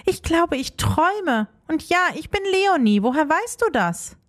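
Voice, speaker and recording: Woman playing curious schoolgirl, high bright pitch, questioning, very lively. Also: measured pace. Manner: excited, questioning. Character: young schoolgirl, curious, easily startled.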